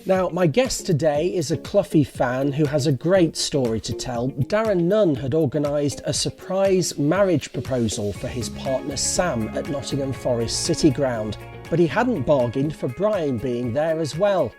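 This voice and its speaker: Man hosting a podcast, bit higher voice, calm clear intro, soft music underneath. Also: a little slow. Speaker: podcast host.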